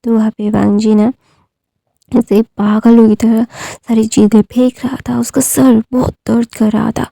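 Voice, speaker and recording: Woman with a dark, gravelly voice. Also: fairly high pitch, level tone, a little slow, no room sound, clean studio sound. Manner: loose, repeats connecting phrases. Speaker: storyteller. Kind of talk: casual story narration.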